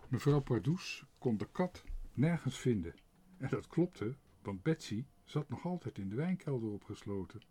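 A man's voice: medium pitch, husky. Een man met een hese stem die langzaam en expressief een kinderboek voorleest. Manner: slow and expressive. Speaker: reader. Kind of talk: reading a children's book aloud.

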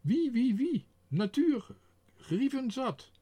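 A man voicing a greedy, hot-tempered middle-aged boss in a storybook reading, loud and blustering, pitched above his own voice. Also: animated, normal speed. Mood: furious.

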